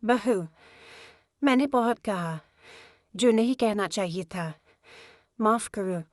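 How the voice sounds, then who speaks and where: A woman voicing an older mother-in-law who speaks kindly and slowly. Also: mid-range voice, no room sound, studio quality, lightly acted. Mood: apologetic.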